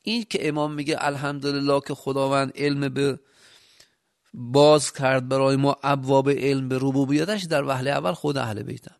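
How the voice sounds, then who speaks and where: A man from Yazd with a Yazdi accent, giving a sermon with rhetorical questions and a loudness that rises and drops. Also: fairly high pitch, vocal fry. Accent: Yazdi Persian. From Yazd, Iran. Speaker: preacher.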